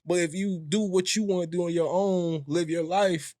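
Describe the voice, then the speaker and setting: An American man co-hosting a podcast, talking in an emphatic, animated way and laughing often. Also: sits high, normal speed, no room sound, clean studio sound. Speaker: podcast co-host. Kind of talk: casual chat.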